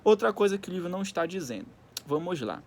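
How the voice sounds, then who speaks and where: A man's voice: sits high, animated, fast talker, darkish tone. A male teacher giving a recorded school lesson, dictating from a textbook in segments and explaining didactically with frequent check-in tags. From Brazil.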